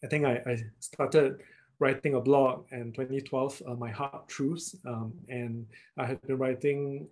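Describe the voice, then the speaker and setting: A man with a Singaporean accent answering interview questions casually, often pausing and rephrasing mid-sentence in a hesitant way. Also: medium pitch, fairly even intonation, a little mellow. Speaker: guest, writer and researcher.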